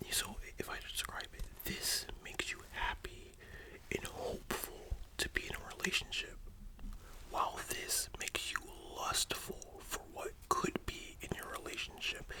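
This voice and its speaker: A voice in a soft library whisper, giving an explanatory lesson as an ASMR whispered role-play. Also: low-quality recording. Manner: explanatory, checking the listener understands. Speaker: ASMR content creator.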